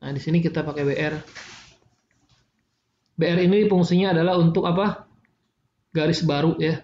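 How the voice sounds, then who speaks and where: Male tutorial instructor, higher-pitched voice, dictating step by step in bits; dull, roomy recording. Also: fairly even intonation, moderate pace. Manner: dictating code piece by piece. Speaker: tutorial teacher. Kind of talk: informal step-by-step coding tutorial. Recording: dull, roomy audio with faint noise.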